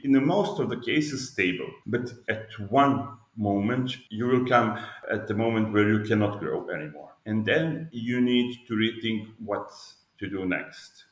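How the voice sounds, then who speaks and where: A Serbian-accented man from Belgrade, Serbia, who owns an e-commerce business, appears as a podcast guest. He answers interview questions step by step and illustrates them with examples. His voice is fairly low and a bit bright, and the sound is reverberant.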